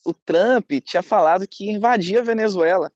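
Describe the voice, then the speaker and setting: A man's voice: sits high, brisk, a little mellow, no room sound, dull audio. A young man telling a travel story in a casual, dramatic way, acting out scenes and dropping in conversational fillers.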